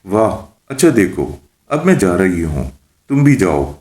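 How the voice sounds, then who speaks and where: A man's voice: sits low, big pitch swings, darkish tone. A man voicing a teasing, bossy female witch spirit who mocks and makes demands. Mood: pleased. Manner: mocking, playful, demanding. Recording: roomy echo.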